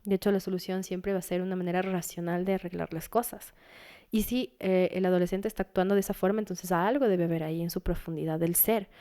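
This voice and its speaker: A woman's voice: on the low side, steady tone, fast, warm tone. A woman psychologist speaking as a guest, earnest and advising, who sometimes acts out what parents and teens might say. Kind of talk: casual interview talk.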